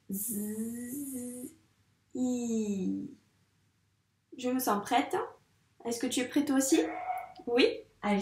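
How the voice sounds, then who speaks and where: A woman's voice: a little high, echoey room. A young woman teaching handwriting to young children, patiently asking questions and answering them herself. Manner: patient, questions and answers her own prompts. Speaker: primary school teacher.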